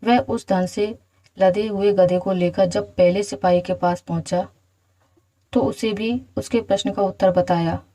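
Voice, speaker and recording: A woman narrating a children's fairy tale in a steady, even storytelling manner. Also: medium pitch, measured pace, poor audio.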